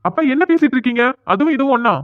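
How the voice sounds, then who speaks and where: A proud, quick-tempered young man in a cartoon drama, voiced by a man. He argues fast and bluntly, with a tinny, phone-like sound. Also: very high-pitched, lively intonation, dry recording.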